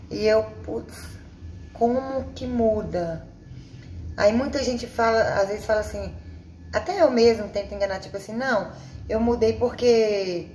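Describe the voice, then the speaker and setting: A woman from Bahia, Brazil, talks through personal stories in a loose, rambling way, often restarting her sentences. Her voice sits at an ordinary middle pitch. The room is echoey, with faint ambient noise behind her. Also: a little mellow. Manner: chatty, rambling, many restarts. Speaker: vlogger. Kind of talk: casual personal storytelling.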